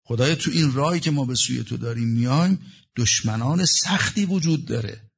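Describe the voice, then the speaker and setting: A man preaching a religious sermon in a gravelly, husky voice. He quotes Arabic verses and unpacks them in everyday speech. His delivery swings between hushed passages and raised, emphatic ones. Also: medium pitch. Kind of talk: religious sermon with Quranic recitation.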